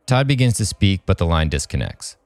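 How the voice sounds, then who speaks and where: Low-voiced man narrating a script, lively. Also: brisk, noisy background. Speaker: podcast host, narrator.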